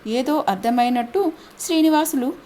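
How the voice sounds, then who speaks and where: A woman narrating an audiobook-style story with a steady, expressive reading. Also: high voice, normal speed, a little hiss or hum.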